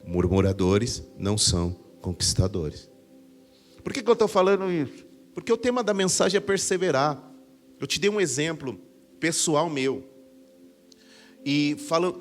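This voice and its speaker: A middle-aged Brazilian man preaching a sermon in church as pastor, lively and joking, sometimes shouting for emphasis. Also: fairly high pitch, normal speed, soft background music. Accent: Brazilian Portuguese. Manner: animated preacher, jokes with the crowd, shouts for emphasis. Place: church sanctuary.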